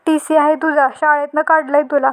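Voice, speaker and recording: A woman's voice: high-pitched, level tone, moderate pace, close to an everyday voice. A woman reading a stern scolding father. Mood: angry. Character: stern angry father scolding his daughter.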